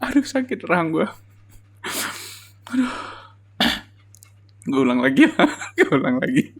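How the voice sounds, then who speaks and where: A young adult reaction vlogger, laughing to tears and exclaiming loudly over and over in casual commentary. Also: mid-range voice, very animated, unhurried, slight background noise. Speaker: reaction video creator.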